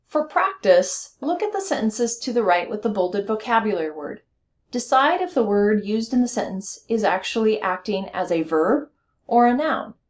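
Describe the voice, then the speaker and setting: A woman teaching an English vocabulary lesson, enunciating carefully and stressing syllables. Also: mid-range voice.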